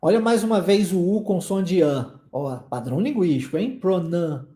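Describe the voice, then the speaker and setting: A Brazilian teacher, a man, runs a repeat-after-me English lesson with a mellow, warm tone. His pitch swings lively as he models each phrase slowly and cheers the listener on. The sound carries a roomy echo. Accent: Brazilian Portuguese. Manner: slow, deliberate modeling of phrases, encouraging.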